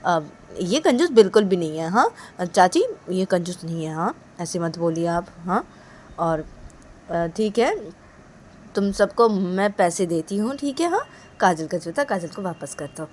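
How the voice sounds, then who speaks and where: A woman voicing a gentle young woman who pleads softly and tries to calm someone down. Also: fairly low pitch, measured pace, slight background noise. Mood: soothing. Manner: soft, soothing, pleading. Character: gentle young woman calming her partner.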